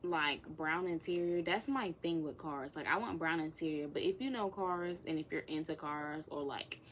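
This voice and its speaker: A woman's voice: sits low, moderate pace, slight background noise. A woman of twenty chatting casually in a Q&A vlog, sassy and playful, with whispered asides. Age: 20s. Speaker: vlogger. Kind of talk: casual get-to-know-me Q&A.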